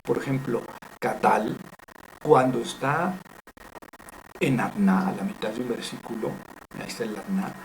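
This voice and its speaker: A man teaching Biblical Hebrew in a recorded lecture, explaining deliberately with frequent fillers and self-corrections. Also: lowish voice, vocal fry, slight background noise, low-quality recording.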